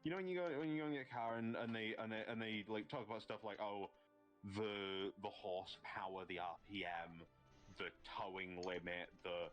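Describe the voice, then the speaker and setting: A man's voice: fairly low pitch, fairly even intonation, normal speed, fairly bright tone, soft background music. A man chatting casually with a friend, ranting in a rambling way full of fillers and swearing. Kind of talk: casual chat.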